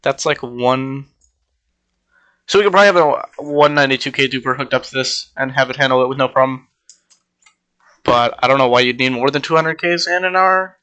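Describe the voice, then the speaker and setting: Speaking casually into a desk mic, a young man from a Minecraft server gives a rambling walkthrough of a game build, with lots of ums. The tone is clean, his voice mid-range and bright, though slightly congested.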